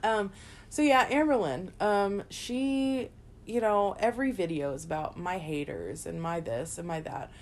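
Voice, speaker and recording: A woman's voice: mid-range voice, measured pace, a little mellow. A woman in her twenties co-hosting a podcast, chatting bluntly and swearing freely. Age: 20s. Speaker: podcast co-host. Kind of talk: casual chat. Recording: faint background noise.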